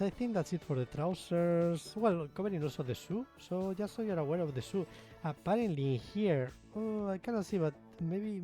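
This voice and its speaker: A man's voice: fairly high pitch, dark tone. A young man with a Spanish accent, explaining his miniature painting in a rambling, self-deprecating way with lots of fillers. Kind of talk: casual tutorial talk.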